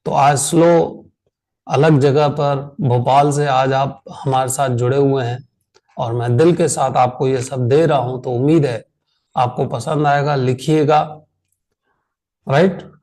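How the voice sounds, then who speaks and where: An Indian man leading an online insurance sales training, tired after a long meeting, speaking slowly and repeating key phrases for emphasis. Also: medium pitch, steady tone, a little mellow, low-quality recording.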